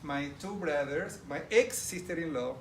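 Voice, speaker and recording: Speaking with a slightly high voice at a moderate pace, a middle-aged man from Argentina addresses a live audience directly in an enthusiastic presentation. His Argentine Spanish accent comes through in a large room, captured in distant, roomy audio with background noise.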